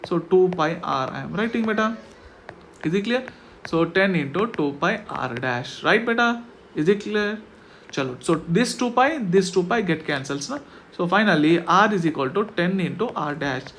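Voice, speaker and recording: Male maths tutor, Indian accent, high voice, explains step by step with constant check-in questions; faint noise behind. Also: lively intonation, normal speed, a bit bright. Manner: repetitive checking questions with tag words. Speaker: maths teacher.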